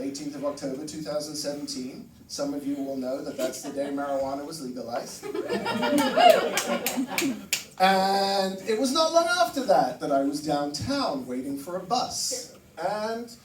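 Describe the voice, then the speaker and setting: A man from Barbados doing a stand-up set, animated and swearing, with sudden loud outbursts. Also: a little high, measured pace. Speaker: stand-up comedian. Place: comedy room with laughing audience. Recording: roomy echo, mic heard from a distance, noisy.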